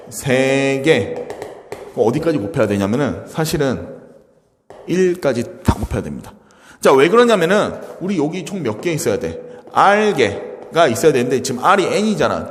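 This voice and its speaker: Lively Korean math teacher, roomy echo. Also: male voice, fairly high pitch. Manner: animated, asks and answers his own questions. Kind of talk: classroom math lecture.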